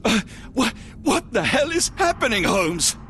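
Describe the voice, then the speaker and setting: An actor playing an earnest, anxious gentleman doctor in a video game, with a British accent and formal, expressive delivery. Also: very high-pitched, measured pace, slight background noise, exaggerated voice. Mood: alarmed. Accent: British English. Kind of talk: dramatic video game cutscene acting. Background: music.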